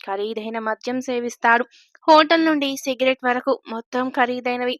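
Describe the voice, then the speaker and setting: Brief: female storyteller, fairly high voice, dramatic narration, dry close sound. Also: moderate pace, fairly bright tone, no room sound.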